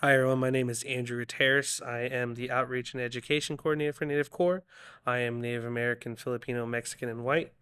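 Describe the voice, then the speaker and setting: A man, a guest in an interview, speaking in a steady, matter-of-fact way. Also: mid-range voice, quick pace, clear, resonant tone. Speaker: guest, outreach coordinator. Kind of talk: casual interview talk.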